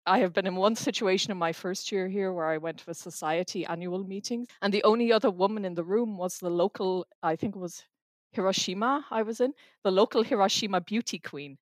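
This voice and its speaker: A woman's voice: medium pitch, a little fast, no room sound, studio quality. Explaining woman from Ireland. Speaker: professor. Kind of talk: interview testimony.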